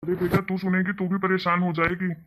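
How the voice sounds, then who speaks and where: A man's voice: sits high, completely flat delivery, brisk, a bit bright. A man voicing a grumpy older father in a cartoon story, grumbling and scolding. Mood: weary. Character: grumpy older father, husband of the mother-in-law. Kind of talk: cartoon voice acting.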